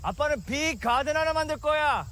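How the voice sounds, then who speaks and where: An actor playing an eager immigrant father in a film, talking excitedly and emphatically. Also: extremely high pitch, rapid-fire, full character voice.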